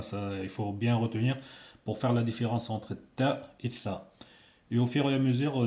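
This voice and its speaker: A man's voice: on the low side, darkish tone. A man teaching a casual video lesson, patiently repeating sounds for learners. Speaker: Arabic teacher. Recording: echoey room.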